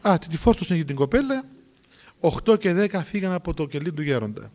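A man's voice: fairly high pitch, lively intonation, darkish tone, long reverb tail. A man animatedly telling a miracle story in a sermon, acting out the dialogue as he goes.

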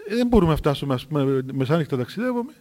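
A man's voice: a little high, very animated, a little mellow, pitched below the performer's own voice. A man voicing an anxious elderly abbess who pleads to leave in a hurry, in a retold story. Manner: fretful, pleading.

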